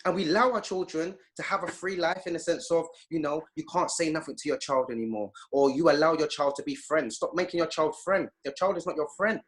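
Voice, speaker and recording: This youth activist speaks as a guest in an impassioned interview held over a video call. His voice is fairly high and brisk with hardly any pauses, and his delivery is emphatic and preachy, complete with acted-out quotes.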